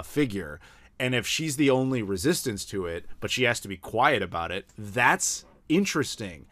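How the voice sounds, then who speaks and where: Opinionated low-voiced podcast host. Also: male voice, dry recording. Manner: opinionated, frequent stammered restarts. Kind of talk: casual podcast chat.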